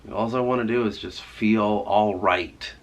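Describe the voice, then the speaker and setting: Congested man rambling in a low voice. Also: measured pace. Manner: rambling, heavy swearing, many "like"s. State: congested, stuffy-nosed and sore-throated. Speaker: writer vlogging. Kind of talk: casual rambling vlog talk.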